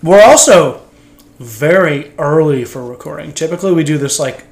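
A man's voice: fairly high pitch, moderate pace, vocal fry. A Canadian man co-hosting a casual podcast with friends, teasing and laughing often. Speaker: podcast co-host. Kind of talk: casual chat.

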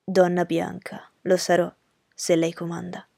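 A woman reading aloud and voicing a brooding gentleman of the manor who answers with slow, courteous irony. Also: lowish voice, monotone, gravelly, no room sound, studio quality, exaggerated voice. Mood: ironic. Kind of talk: audiobook character reading.

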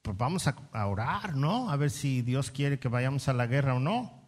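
A man's voice: mid-range voice, lively intonation, moderate pace, lightly acted. A preacher playing a pious, cautious ancient king in a casual retelling. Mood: earnest. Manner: casual storytelling, slangy.

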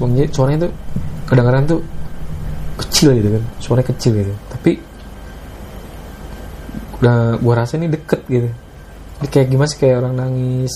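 A man tells a story in casual slang, acting out what each person said. His voice is mellow and dark, with faint noise behind it. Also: mid-range voice. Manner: retells dialogue, often adds "Bang" and "gitu"; Jakarta slang. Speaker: guest telling a story.

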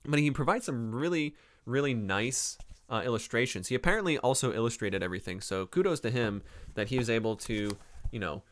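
Talking fairly quickly in a mid-range, slightly bright voice, an anthropology professor hosts a relaxed book review podcast live from his home library. He rambles and chats freely, filling his speech with ums and uhs.

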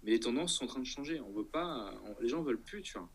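A man's voice: mid-range voice, animated, fast talker, slightly rough. A man talking casually in an interview as an entrepreneur, hesitating and thinking aloud, often checking that the listener follows. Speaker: entrepreneur guest.

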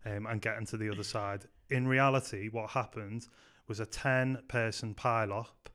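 A youth pastor from Liverpool, England, speaks with a Scouse accent, telling animated anecdotes in a casual podcast interview. He's chatty and says "um" often. His voice is lowish and moderately paced, with a little hiss or hum in the audio.

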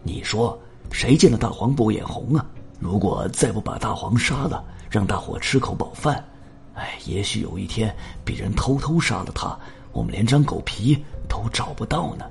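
A man's voice: lowish voice, expressive, normal speed, creaky, darkish tone, slight background noise. A man voicing a worn-out village father who pleads patiently and sighs. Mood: weary pleading.

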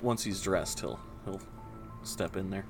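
Wry low-voiced man, music behind. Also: unhurried. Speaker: player. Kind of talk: casual tabletop game talk.

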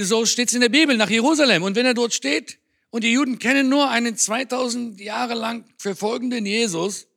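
A man preaching in a church with a fairly high, bright voice. He talks to the congregation in an earnest, conversational way, as if chatting with them. His tone is forceful and clear. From Germany. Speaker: speaker on Israel at a church. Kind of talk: sermon.

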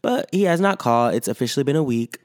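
On his solo podcast, a man rambles fast and expressively, full of fillers and swearing, his voice not yet fully healed from being ill. The medium-pitched delivery is recorded in clean studio sound with no room tone.

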